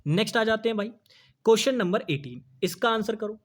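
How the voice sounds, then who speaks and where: Male Hindi grammar teacher explaining slowly. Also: high-pitched, expressive. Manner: explains in Hindi, reads English sentences slowly; asks the students questions and answers them himself. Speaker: English teacher. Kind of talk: exam-prep grammar lesson.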